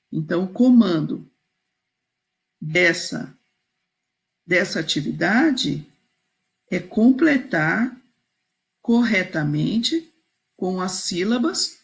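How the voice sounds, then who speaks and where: A woman teacher talks students through a set of exercises in a video lesson, taking her time and pausing often to check they are following. Her pitch rises and falls a lot, and her voice has a slight gravelly edge. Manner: slow, patient, checks in with "ok?" and "certo?".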